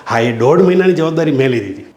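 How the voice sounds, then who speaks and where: A man's voice: mid-range voice, lively intonation, fast talker, mellow, lo-fi sound. A middle-aged man, a school principal, telling heartfelt stories from his school in an earnest, emotional way in an interview. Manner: earnest, emotional, keeps addressing the listener as sir. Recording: roomy echo.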